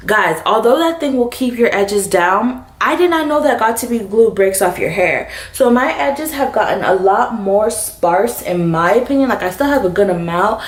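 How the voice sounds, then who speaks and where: A young woman chats quickly and playfully to her camera, rambling and poking fun at her own speed. Her mid-range voice carries a roomy echo from the space she films in. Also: mid-range voice. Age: young adult. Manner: fast-talking, bubbly, self-aware and rambling. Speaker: beauty vlogger. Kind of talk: casual chatty vlog.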